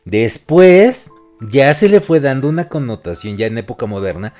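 A man with a Mexican Spanish accent co-hosts a relaxed podcast chat. He explains at length in a loose, easygoing way, with a curse word now and then. Faint music plays underneath. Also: medium pitch, moderate pace. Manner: explanatory, loose, mild swearing. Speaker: co-host.

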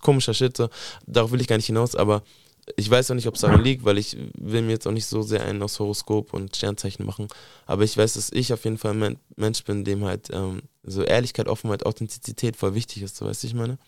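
A man hosting a podcast who talks in a relaxed, slangy way with many fillers. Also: fairly low pitch, quick pace, gravelly, dry recording, clean studio sound. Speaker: podcast host. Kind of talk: casual chat.

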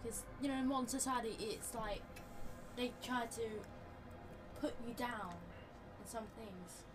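A woman's voice: fairly high pitch, unhurried, music in the background. A woman guest in casual conversation, talking informally and a bit hesitantly. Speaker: podcast guest. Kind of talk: casual chat. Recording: clearly noisy background.

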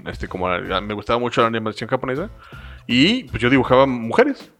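Bright-voiced Mexican guy joking around. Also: mid-range voice, brisk, soft background music. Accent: Mexican Spanish. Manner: slangy, joking, animated storytelling. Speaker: podcast co-host. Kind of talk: casual chat.

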